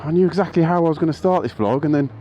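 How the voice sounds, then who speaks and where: Standing outdoors by a road with street noise behind him, a man casually vlogs about his motorbikes, out of breath and rambling, often breaking off to restart his sentences. His voice is on the high side and warm, he talks very fast, and the highs are cut off.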